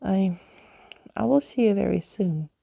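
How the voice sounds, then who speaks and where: Skeleton Keys, whispery theatrical skeleton gentleman voiced by a woman. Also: mid-range voice, animated, unhurried, creaky, no echo, clean studio sound, full character voice. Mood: earnest, pleading. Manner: florid, exclamatory, old-fashioned wording. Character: Skeleton Keys, flamboyant old-fashioned male skeleton adventurer, theatrical.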